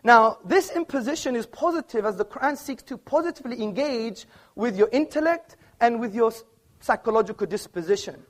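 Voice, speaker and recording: A man's voice: very high voice, lively intonation, fairly quick. A man giving an argumentative opening speech in a formal debate, speaking on stage in an auditorium before a live audience. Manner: emphatic, argumentative, quoting books.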